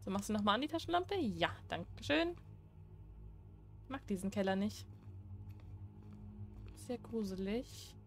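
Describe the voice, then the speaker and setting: A woman's voice: mid-range voice, very animated, measured pace, long pauses. A young woman chatting casually while she plays a horror game, joking and talking back to what happens on screen. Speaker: let's play gamer.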